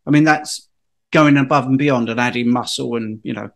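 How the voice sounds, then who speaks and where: Gravelly man in his fifties. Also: mid-range voice, normal speed, fairly bright tone. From Britain. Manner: firm, matter-of-fact advice. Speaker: guest, personal trainer. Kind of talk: casual interview chat. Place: home room, indoors, on a video call. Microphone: desk microphone.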